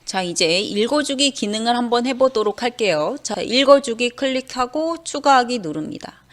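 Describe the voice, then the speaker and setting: A woman's voice: a little high, lively intonation, normal speed. A woman teaching a coding lesson to schoolchildren, walking through each step patiently and starting her sentences with a prompting "ja". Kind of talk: screen-recorded coding lesson.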